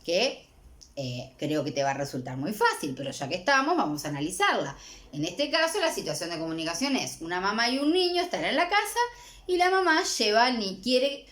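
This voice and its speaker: A woman teacher with a Uruguayan accent explaining a lesson to a student, often checking in with a quick "¿sí?". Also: mid-range voice, very animated. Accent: Uruguayan Spanish. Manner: warm, checks in with repeated "¿sí?". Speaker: language teacher. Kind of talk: recorded exam-prep lesson.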